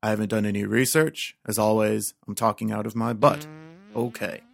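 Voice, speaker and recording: Deadpan man with a gravelly, creaky voice. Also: on the low side, normal speed, dry recording, clean studio sound. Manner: deadpan mock-informative delivery. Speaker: podcast host. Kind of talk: scripted comedic monologue.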